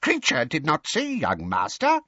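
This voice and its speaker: A man voicing a hunched, spiteful old male house elf who mutters hoarsely under his breath. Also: fairly high pitch, huge pitch swings, unhurried, pushed and bright, no room sound, muffled recording, voice pushed up, heavily acted. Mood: spiteful muttering.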